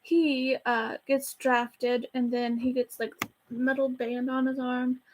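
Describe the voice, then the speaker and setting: High-voiced chatty woman rambling fast. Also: level tone, a little mellow, slight background noise, rough recording. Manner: chatty, rushed, self-deprecating, rambling. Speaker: YouTuber reviewing a movie. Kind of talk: casual rambling review. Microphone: camera facing her.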